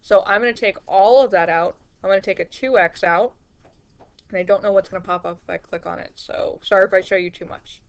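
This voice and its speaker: Smooth-voiced woman teaching math step by step. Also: medium pitch, fairly even intonation, a little fast, lo-fi sound. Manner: explains step by step, apologetic asides. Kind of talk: recorded math lesson walkthrough.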